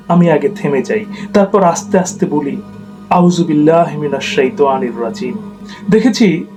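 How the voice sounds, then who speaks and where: A man telling a reflective story in a soft, measured narration voice. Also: fairly high pitch, rough recording.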